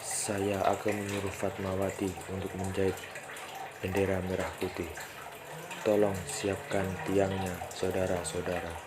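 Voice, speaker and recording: Brief: calm commanding independence leader, played by a woman in a school play, very deep flat voice, crowd noise around. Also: a little slow. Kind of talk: school drama reenactment.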